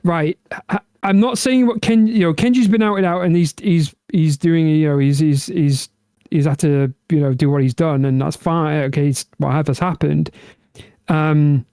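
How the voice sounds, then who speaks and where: A man's voice: on the high side, fairly even intonation, normal speed, mellow, clean tone, no room sound, studio quality. A man co-hosting a podcast, chatting casually and rambling through many restarts. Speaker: podcast co-host. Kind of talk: casual chat about game music.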